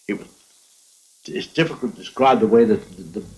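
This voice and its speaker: A man in a documentary interview, halting and searching for words. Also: on the low side, a little mellow, poor audio.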